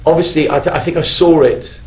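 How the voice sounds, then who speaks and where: On a convention stage in a hall, a middle-aged guest actor chats casually on a fan panel, his fairly high-pitched speech halting and often restarting informally. The live stage recording is echoey with faint noise.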